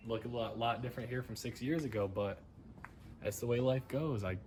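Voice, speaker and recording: A nineteen-year-old man rambling casually in a monotone for his vlog, tired late at night. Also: medium pitch, brisk, slight background noise. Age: young adult. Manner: self-described monotone, relaxed and rambling. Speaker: vlogger.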